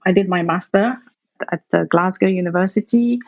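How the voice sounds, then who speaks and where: A middle-aged woman from Algeria speaks in a low, gravelly voice, answering interview questions thoughtfully and sometimes restarting a phrase mid-thought. The audio is dull and lo-fi, with a dry, close sound. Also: moderate pace, a little mellow, dry recording. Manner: thoughtful, searching for words, restarts. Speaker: guest researcher.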